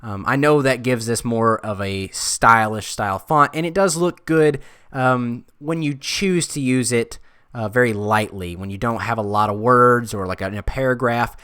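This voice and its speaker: Young man, smooth clear tone, dry close sound, relaxed, lots of uhs. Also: mid-range voice, moderate pace, no echo. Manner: relaxed, thinking aloud with frequent uhs. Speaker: design video creator. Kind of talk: casual screen-recorded tutorial talk.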